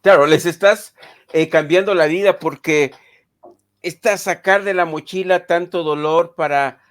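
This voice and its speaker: A man's voice: fairly high pitch, unhurried. A man hosting a remote interview, reflective and hesitant, with frequent fillers. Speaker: host.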